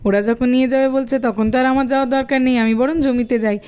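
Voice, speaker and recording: A woman's voice: high-pitched, steady tone, very fast, a little mellow, clean tone, voice pushed down, close to an everyday voice. A woman voicing a lazy, grumbling village husband who farms, in a doll cartoon. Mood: sleepy grumbling. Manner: lazy, complaining.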